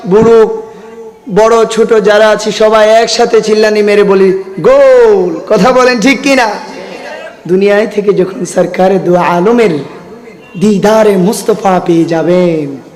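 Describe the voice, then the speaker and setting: A preacher man from Sylhet, Bangladesh, leads a big gathering with a high voice that carries a long reverb. He calls for the crowd to shout responses and throws in jokes, his throat a little strained. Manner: jokes with the audience. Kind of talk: religious sermon to a crowd. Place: large outdoor gathering.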